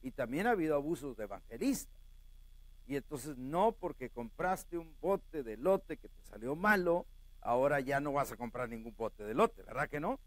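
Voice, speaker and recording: A man preaching a sermon as pastor, talking straight to his congregation in an animated way. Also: medium pitch, moderate pace, no echo.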